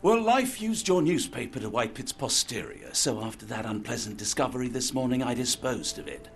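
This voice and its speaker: Casting: a dry-humoured, courteous British doctor for a game, lively delivery over music. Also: male voice, mid-range voice, fairly quick, creaky. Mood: dryly exasperated. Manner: polite, dryly exasperated. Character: exasperated, well-mannered male army doctor, dry-humoured companion. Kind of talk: video game cutscene acting.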